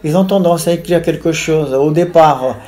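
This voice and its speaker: A woman's voice: low voice, moderate pace, warm tone. A woman in her sixties from Brazil, an author answering interview questions in a digressive way, piling up lists and restarting her sentences. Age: 60s. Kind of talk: conversational interview.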